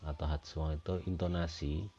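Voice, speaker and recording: A man with a low, mellow voice walks through a lesson, patient and repetitive, circling back to each point with easy fillers. The audio is a little dull, with a faint hiss underneath. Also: level tone, moderate pace. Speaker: Japanese language teacher. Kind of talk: recorded language lesson.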